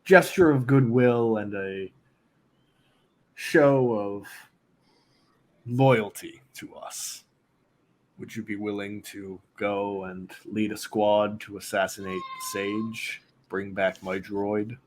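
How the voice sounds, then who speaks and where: A man as a scheming crime boss, formal, measured, courteous, low voice. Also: fairly even intonation. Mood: smooth, scheming. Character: smooth scheming male crime boss, imperial loyalist.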